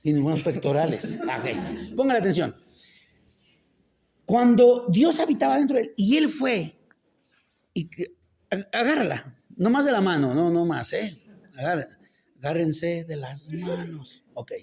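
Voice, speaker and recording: This male pastor's voice sits high and sounds a bit mellow and sing-song, unhurried and full of pauses. Preaching casually in church, he repeatedly quizzes the congregation with rhetorical questions and cracks jokes on the side.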